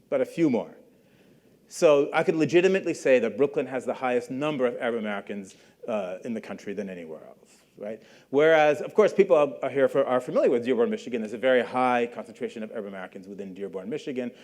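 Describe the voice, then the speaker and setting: A middle-aged man from Canada giving a university lecture in a conversational way, often checking in with the audience with questions and a quick "right?". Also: medium pitch, darkish tone. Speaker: guest lecturer.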